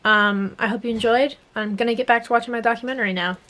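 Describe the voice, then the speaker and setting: A young adult woman vlogger with a slightly high, fairly bright voice talks quickly with fairly even intonation. Her casual, rambling chat to viewers is full of thinking aloud and trailing off, and her speech is slightly hampered by swelling from dental work.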